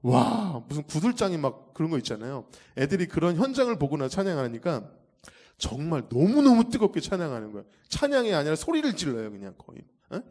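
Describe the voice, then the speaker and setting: A man giving an animated testimony to a church audience, acting out the scenes as he tells the story. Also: on the high side, brisk. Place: church hall.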